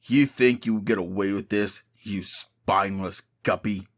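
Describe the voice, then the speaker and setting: A man voicing an arrogant captive lawyer who shouts defiant insults. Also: on the low side, fairly even intonation, a little slow, pitched above the performer's own voice. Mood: furious defiant.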